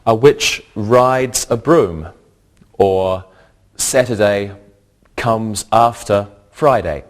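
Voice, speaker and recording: A man teaching a scripted English lesson, speaking deliberately and repeating each word for learners. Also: lowish voice.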